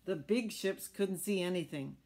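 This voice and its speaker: A middle-aged woman in a small furnished room at home reads a picture book to children. Her fairly low voice has a darkish tone and moves at a moderate pace, and she mixes in chatty explanations and little questions.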